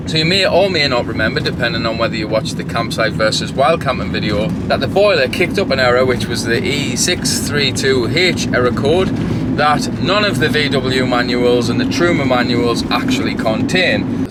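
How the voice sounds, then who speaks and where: Heavy background noise sits under this mid-range male voice. He's a camper van vlogger from Sunderland, north-east England, with a moderate Mackem accent, giving casual DIY commentary in a blunt, colloquial, sweary way.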